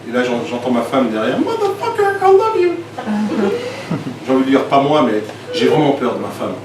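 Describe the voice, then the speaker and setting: Stand-up comic, man, 40s, from Switzerland, quick asides, far mic in an echoey, noisy club. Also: medium pitch. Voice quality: lively, quick asides with laughs to the crowd. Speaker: stand-up comedian. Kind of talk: stand-up comedy set. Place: comedy club stage.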